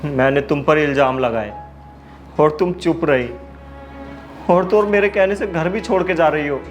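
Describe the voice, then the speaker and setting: A man's voice: a little high, normal speed, soft background music, close to an everyday voice. A young man acting as a suspicious husband in a comic skit, accusing and melodramatic.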